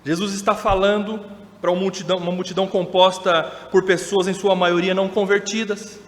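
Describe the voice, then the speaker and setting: A Brazilian man preaching a sermon as pastor, measured and emphatic, slowing down to stress quoted words. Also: high voice, flat delivery. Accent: Brazilian Portuguese. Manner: measured, emphatic preaching with slow drawn-out quotations. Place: church hall. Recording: echoey church hall.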